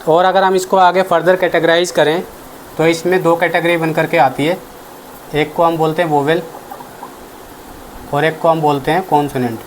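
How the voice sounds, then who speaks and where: A man's voice: a little high, flat delivery, moderate pace, pauses often, slight background noise. A man giving an exam-prep grammar lesson as the teacher, explaining step by step and answering his own questions. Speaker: English teacher.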